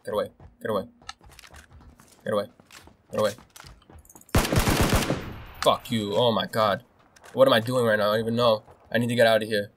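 A young man commentating his own game as he plays, excitable and swearing, swinging between nervous muttering and loud outbursts. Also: lowish voice, moderate pace, pauses often, background noise. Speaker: gaming video host. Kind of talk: casual gameplay commentary.

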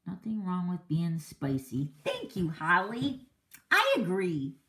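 A woman's voice: fairly low pitch, huge pitch swings, slow, a bit bright. A middle-aged woman hosting a card-making livestream, chatting casually with viewers in a boisterous, outspoken way and laughing often. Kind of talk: casual live-stream chat.

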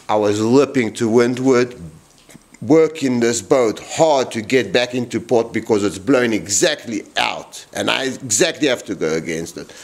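A man in his forties giving a rambling, blunt workshop tour in a large wooden boat shed, filming himself with a handheld camera. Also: on the low side. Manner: rambling, blunt and animated, with many restarts. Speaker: boatbuilder vlogger. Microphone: handheld camera at arm's length.

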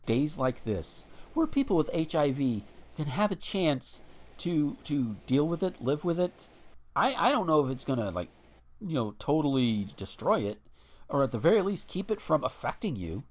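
This casual podcast co-host has a fairly high voice with big pitch swings and a moderate pace. He's blunt and swears freely, ranting with restarts, and sometimes reads a news article aloud.

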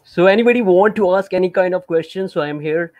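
Casting: man, slightly higher voice, dry close sound, hesitant, filler-heavy, video-call mic. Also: fast talker, darkish tone, dry recording. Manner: hesitant, many uh fillers, non-native grammar. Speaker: student participant. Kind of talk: casual online class chat.

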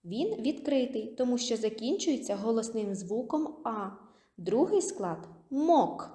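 A woman teaching young children a literacy lesson, sounding out words slowly and clearly in an encouraging teacher's way. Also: on the high side, lively intonation, warm tone. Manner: slow, clearly syllabled, encouraging teacher talk. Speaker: kindergarten teacher. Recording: echoey room.

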